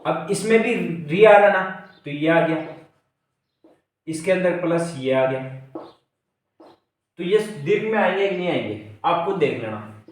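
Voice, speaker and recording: A man's voice: a little high, animated. Man teaching grammar in an echoey room. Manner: repeats questions and answers them himself; spells out word parts slowly. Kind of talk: exam-prep grammar lesson. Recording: very echoey room, distant mic.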